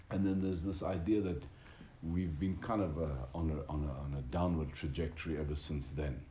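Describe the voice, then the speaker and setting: A man's voice: deep voice, fairly even intonation, normal speed, dark tone. A man giving a reflective lecture as a religious teacher, in a donnish, formal, hesitant academic manner. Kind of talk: reflective spiritual lecture, unscripted. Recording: roomy echo with background noise.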